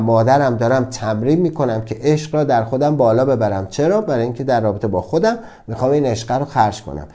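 Man, self-help lecturer, mellow dark tone, emphatic with rhetorical questions. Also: mid-range voice. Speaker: speaker giving a self-help talk. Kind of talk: motivational lecture.

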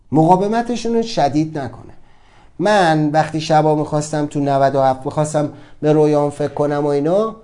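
A young adult man with a fairly high but dark, mellow voice, talking earnestly about mindset and dreams. He speaks urgently and repeats himself for emphasis, like a casual motivational talk.

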